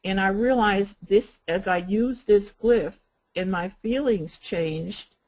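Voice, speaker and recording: An older woman leads a spiritual healing workshop in a mid-pitched voice. She speaks gently and without hurry, repeating and spelling out her points patiently. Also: takes it slowly, low-quality recording. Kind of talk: teaching a workshop.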